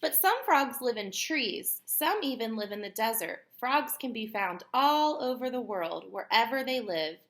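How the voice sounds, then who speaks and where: With a fairly high voice, a woman teacher reads to young kids in an expressive, instructive style and puts questions to whoever is listening. She is unhurried yet barely pauses.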